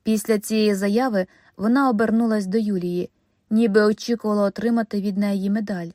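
A woman's voice: mid-range voice, fairly even intonation, fairly quick, mellow, no room sound. Woman reading an audiobook, dry close sound. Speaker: audiobook narrator. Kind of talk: scripted narration.

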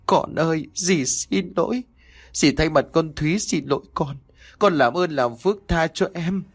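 A man's voice: mid-range voice, lively intonation, quick pace, darkish tone, slightly rough. A man voicing a remorseful middle-aged stepmother who pleads tearfully in a storybook tale. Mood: begging.

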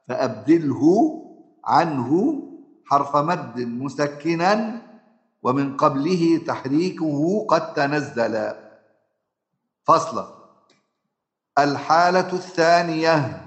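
A man with an Egyptian Arabic accent teaching Quran recitation rules, often asking his class a question and then answering it himself, and drawing out the words he gives as examples. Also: fairly high pitch. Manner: drawn-out chanted examples. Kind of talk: tajweed lesson explaining recitation rules. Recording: roomy echo.

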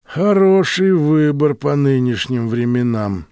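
A man's voice: mid-range voice, lively intonation, slow pace, warm tone, smooth, dry recording, studio quality. A male narrator voicing a laconic middle-aged truck driver who speaks vaguely and without hurry.

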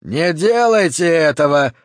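A man's voice: medium pitch, moderate pace, dry recording, studio quality, natural voice. A man reading an audiobook voices a blustering, short-tempered male police chief who barks his orders. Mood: furious. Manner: barking, shouting.

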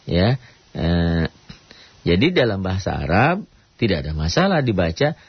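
A man with an Indonesian accent teaching a radio tajwid lesson, explaining casually and breaking into slow melodic Quran recitation. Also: low voice, big pitch swings, slightly rough, dry recording. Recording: dull lo-fi radio recording.

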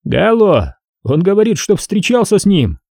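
A man's voice: sits high, sing-song, normal speed, a little mellow, dry recording, clean studio sound, pitched above the performer's own voice, heavily acted. A man reading an audiobook, voicing a sardonic male police officer who keeps needling a suspect with mocking asides. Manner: mocking, teasing interjections.

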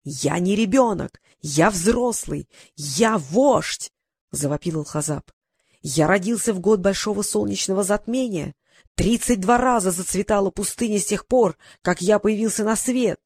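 A reader voicing a fierce, childish male desert warlord and wizard who shouts and drags out his words, in a lowered voice, in a storybook reading. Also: husky, no echo, clean studio sound. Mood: indignant. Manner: shouting, insistent, drawn-out words.

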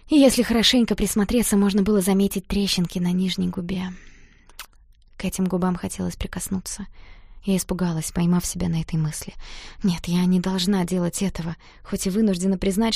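Woman, audiobook narration, expressive, intimate, dry close sound. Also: medium pitch, no echo. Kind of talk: first-person novel reading.

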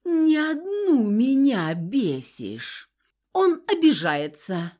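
A woman's voice: high voice, wildly swooping pitch, drawn-out words, a little mellow, pitched above the performer's own voice, exaggerated voice. A woman voicing a bossy, touchy female demigoddess in an audiobook, who coaxes and then snaps. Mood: snappish. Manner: coaxing, then snappish.

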